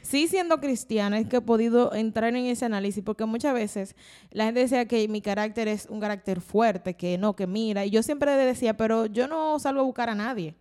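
A young Dominican woman talking openly on a faith podcast, animated and often laughing, slowing down when she turns reflective. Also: fairly high pitch. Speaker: podcast guest. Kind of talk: casual faith-based podcast chat.

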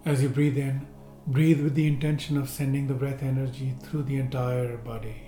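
A man guiding a seated relaxation and breathing meditation, giving slow, calm, gentle instructions with long pauses. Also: mid-range voice. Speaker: meditation guide. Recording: roomy echo with faint music.

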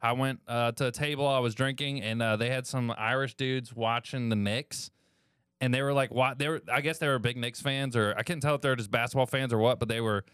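A man's voice: mid-range voice, fairly even intonation, brisk, fairly bright tone, clear, resonant tone, no room sound, clean studio sound. A man co-hosting a comedy podcast, chatting casually with loose, profane storytelling. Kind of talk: casual chat.

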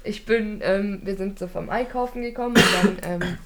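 A woman's voice: medium pitch, normal speed. A young woman, animatedly telling a funny, embarrassing story in casual chat, laughing often.

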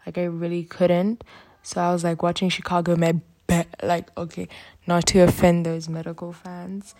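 A lowish, monotone female voice with a darkish tone and moderate pace belongs to a Ugandan girl of about 12 or 13, in grade seven, who has an American-sounding accent. She's a vlogger chatting casually to camera from her school hostel, giggling and wandering off on tangents in a rambling vlog.

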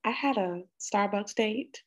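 American female co-host, medium pitch with a raspy edge, relaxed chatty delivery, quick to affirm. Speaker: podcast co-host. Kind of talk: casual chat.

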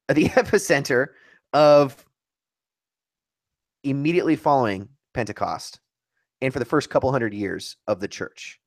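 A man's voice: mid-range voice, unhurried, long pauses. A man co-hosting a podcast, debating heatedly in a casual, emphatic way and often restarting his sentences. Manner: emphatic, argumentative, restarts mid-thought.

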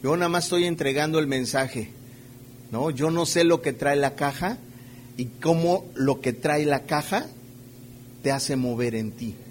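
A man preaches in a relaxed, conversational way, often asking his listeners rhetorical questions. His voice sits a little high for a man. A faint hum runs under his words. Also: a little slow. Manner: checks in with the audience through frequent rhetorical questions; playfully acts out everyday scenes while preaching. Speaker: pastor. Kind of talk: conversational sermon.

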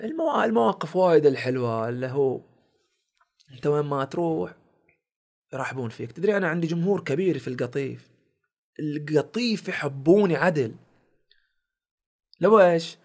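A young Bahraini content creator and comedian, guesting on a casual podcast, spins stories in his village accent and animatedly imitates the people he quotes. His slightly high voice is brisk, broken by long pauses.

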